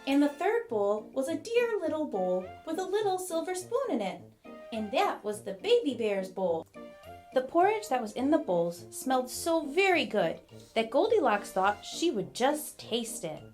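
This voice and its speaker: Woman, children's storyteller, high animated voice, expressive emphasis, scripted fairy-tale narration, music behind. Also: a little slow.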